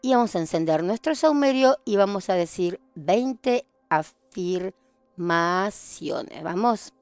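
A woman's voice: mid-range voice, lively intonation, takes it slowly, a little mellow, clear, resonant tone, dry recording, soft background music. A woman in her fifties with an Argentine accent, chatting casually and telling nostalgic stories as a podcast host. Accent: Argentine (Rioplatense). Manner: chatty, nostalgic storytelling with laughs. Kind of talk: casual chat.

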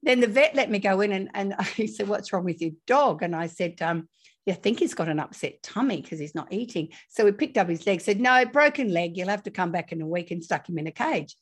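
A woman, a guest expert telling a lively classroom anecdote and acting out the children's lines. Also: medium pitch, fairly quick, husky. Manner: lively, acts out quoted voices. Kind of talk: casual anecdotal storytelling.

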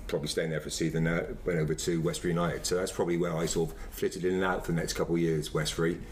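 A man, chatting casually about his past in a rambling, halting way, often repeating phrases. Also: deep voice, level tone, darkish tone, slight background noise. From Wiltshire, England. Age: 50s. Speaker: former semi-professional footballer being interviewed. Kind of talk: casual reminiscing chat.

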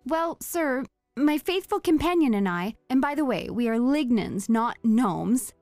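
A man voicing a small, brave gnome-like girl in a high, breathy falsetto. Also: expressive, unhurried, a little mellow, no room sound, faint music behind, full character voice. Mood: polite.

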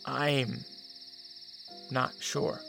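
A man's voice: medium pitch, little pitch movement, drawn-out words, creaky, a bit bright, soft background music, exaggerated voice. An actor playing a weary, centuries-old male vampire count, formal, subdued and hesitant, in a radio drama. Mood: bleak, subdued.

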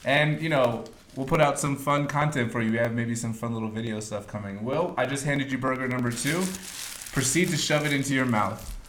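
A man's voice: medium pitch, brisk, fairly bright tone, slight background noise. A man hosting a podcast taste test, with playful game-show patter and chuckles. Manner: jokey, announcer-style patter with chuckles. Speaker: podcast host running a blind taste test. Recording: roomy echo.

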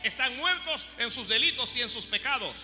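A high, piercingly bright man's voice preaches a fervent sermon, dropping to low murmurs and then rising to shouted praise. His words ring with long reverb through a church hall. Faint music plays underneath. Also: expressive, moderate pace. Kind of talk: impassioned sermon.

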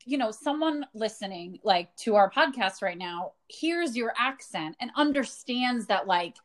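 A woman's voice: a little high, measured pace. A woman co-hosting a podcast, telling stories emphatically with a lot of animation. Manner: emphatic, animated storytelling with restarts. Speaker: podcast co-host. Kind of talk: casual chat.

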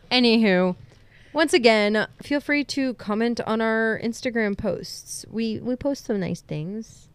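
A woman co-hosting a podcast from a basement, chatting casually and teasing her co-host with quick remarks. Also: a little high, slight background noise. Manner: teasing, quick, laughing often. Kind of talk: casual chat.

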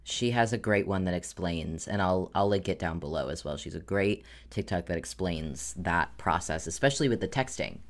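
A man's voice: low voice, animated, moderate pace, few pauses. A man hosting a podcast, explaining things casually with many "uh"s and "um"s. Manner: explanatory, with frequent "uh" and "um" fillers. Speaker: podcast host. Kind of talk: casual conversational chat.

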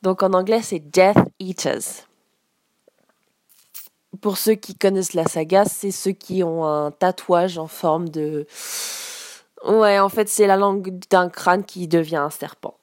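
A woman giving a casual spoken lesson as a teacher, explaining slowly with frequent hesitations. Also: lowish voice, fairly even intonation, no echo, studio quality. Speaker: English teacher.

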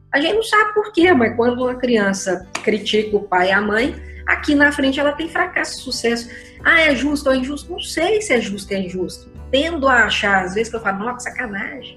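A Brazilian woman therapist answering a listener's question in a conversational, expressive way, acting out quotes. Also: a little high, reverberant. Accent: Brazilian Portuguese. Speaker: systemic constellation therapist.

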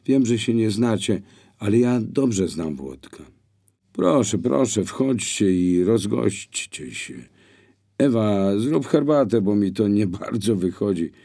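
A man reading an audiobook, voicing a bold young woman who speaks lively and persuasively. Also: on the low side, slightly rough, pitched above the performer's own voice, exaggerated voice.

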